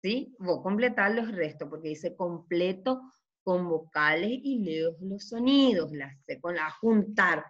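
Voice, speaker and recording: Slow, careful woman teacher. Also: fairly low pitch, lively intonation, dull audio. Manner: slow and deliberate, often checking with "¿sí?"; sounds out syllables carefully. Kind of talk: children's reading lesson.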